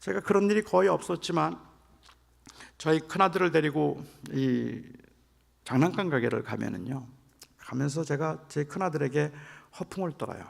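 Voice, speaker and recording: Gravelly middle-aged male pastor, reverberant church. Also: a little high, expressive, normal speed. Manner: storytelling, rising to shouted emotion when quoting himself. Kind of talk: revival sermon with personal story. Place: large church sanctuary. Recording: long hall reverb.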